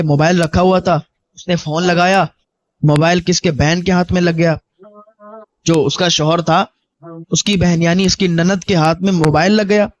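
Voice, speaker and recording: A man preaching a sermon, telling a moral story earnestly and exhorting his listeners. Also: high-pitched. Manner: earnest, exhorting, acts out dialogue. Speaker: Islamic preacher.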